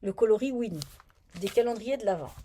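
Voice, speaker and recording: A chatty woman talking through her knitting projects in a relaxed vlog, her voice sitting a little high. She rambles, mutters to herself while searching for her things, and grumbles when something annoys her. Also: brisk. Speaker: knitting vlogger. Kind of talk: casual knitting vlog chat.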